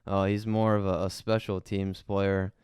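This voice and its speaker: A man with a low, very clear voice, recorded dry and close. He talks sports in a calm, flat, measured tone, hardly rising or falling. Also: no echo. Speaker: podcast co-host. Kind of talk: casual sports chat.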